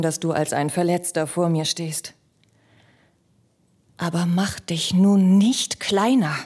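An actress playing a young noble wife who pleads with her jealous husband in a measured, intimate dramatic monologue that often sinks to a whisper. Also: fairly low pitch, a little mellow. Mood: tender.

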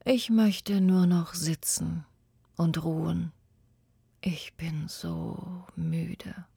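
A woman voicing a boy in a read-aloud storybook who grows into a weary old man, demanding at first and hushed later. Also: medium pitch, moderate pace, dry recording, close to an everyday voice. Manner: demanding when young, tired and hushed when old.

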